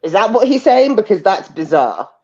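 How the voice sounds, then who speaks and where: A woman's voice: medium pitch, very animated, normal speed, a little mellow. A woman with an English accent talking in a live open discussion, questioning and bluntly analytical, over a dull online voice chat.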